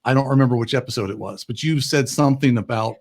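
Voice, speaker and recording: A man with a middle-pitched voice chats as a guest on a relaxed live podcast. He has a wry, self-deprecating way of talking and jokes at his own expense. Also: quick pace, creaky. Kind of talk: casual live podcast chat.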